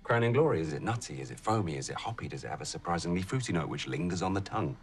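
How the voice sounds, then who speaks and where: A man's voice: sits low, expressive, very fast, faint music behind. A brash showy man in a film. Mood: playful. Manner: grandiose, showy, playful. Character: brash, theatrical adult man leading a pub crawl. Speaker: film character.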